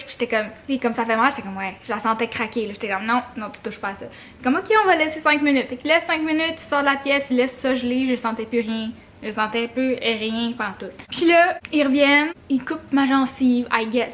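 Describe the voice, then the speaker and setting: A young woman with a Quebec French accent telling a personal story casually to camera, expressive and slangy, with swearing and English words mixed in. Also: fairly high pitch. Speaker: vlogger.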